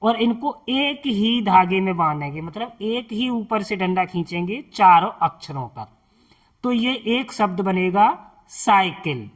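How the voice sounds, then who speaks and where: Slow, patient woman teaching reading. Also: mid-range voice, lively intonation. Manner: slow, spells out syllables one by one and repeats each word; asks and answers her own questions. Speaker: Hindi teacher. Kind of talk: online reading lesson.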